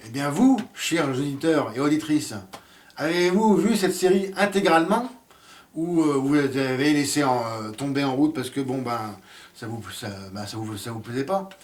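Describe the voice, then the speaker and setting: A man's voice: a little high, far from the mic. Hesitant man reviewing a series. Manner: hesitant, many "euh" fillers and restarts. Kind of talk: casual video review.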